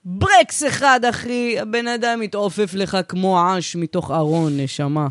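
A man's voice: high voice, a bit bright, no room sound, clean studio sound. A man playing a brash, boastful woman bus driver in comic banter, with slangy, emphatic, swaggering talk. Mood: boastful, animated. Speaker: bus driver character in comedic chat. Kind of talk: improvised comic character banter.

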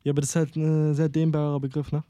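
A man's voice: on the high side, level tone, warm tone, no echo, highs cut off. A young man hosting a casual podcast chat, asking questions and cutting in to make his point. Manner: quick, pushes questions, interrupts. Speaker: podcast host.

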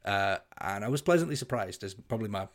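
A man in his thirties with a deep voice, co-hosting a casual music podcast. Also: lively intonation, quick pace. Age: 30s. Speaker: podcast co-host.

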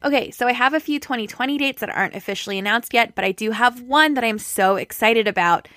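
A woman's voice: fairly high pitch, fast talker, a bit bright, dry recording, clean studio sound. A woman hosting a podcast, effusive and grateful, often repeating her words for emphasis as she signs off and makes announcements. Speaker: podcast host. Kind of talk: heartfelt podcast sign-off and announcements.

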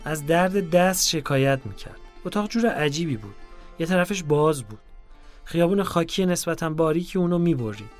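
A man reads diary entries aloud in a calm, measured way, his voice sitting a little higher than most men's. Soft music plays faintly underneath his narration.

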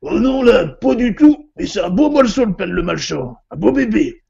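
A jovial, folksy village butcher, as a man puts him on, raised in pitch and bluff. The sound is dull and muffled. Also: sing-song, moderate pace, gravelly, mellow, slightly rough, heavily acted. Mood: hearty.

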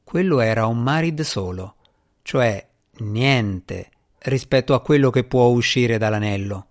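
A scornful, boastful djinni in a boy's form, dripping mockery and theatrical sarcasm, as a man reads him in an audiobook. His mid-pitched voice swings up into sneering jibes. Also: measured pace, natural voice. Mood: sardonic. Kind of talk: audiobook character reading.

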